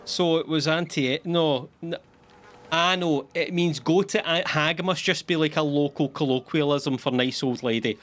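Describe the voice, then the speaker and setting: A man's voice: on the high side, moderate pace, fairly bright tone. A man joking his way through a live gameplay stream with sarcastic, rambling commentary. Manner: jokey, sarcastic, talks to himself. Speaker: streamer playing a game.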